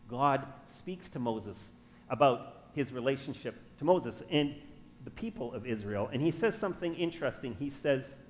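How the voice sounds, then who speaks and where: A pastor giving a sermon, telling everyday stories with acted-out back-and-forth dialogue before moving into scripture. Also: male voice, mid-range voice, slight background noise. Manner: animated storytelling with hypothetical dialogue.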